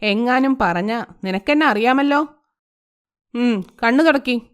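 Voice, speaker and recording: A woman's voice: fairly high pitch, a little slow, clean tone, natural voice. A woman voicing a domineering, scheming older mother-in-law who gives orders and threatens, in a storybook tale. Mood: menacing. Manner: threatening, commanding.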